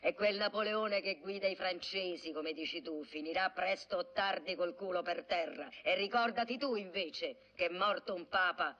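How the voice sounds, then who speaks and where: A woman's voice: fairly low pitch, moderate pace, few pauses, fairly bright tone. An actress playing a stern, devout elderly noblewoman with a Roman accent, lecturing her son point by point. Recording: dull old film soundtrack.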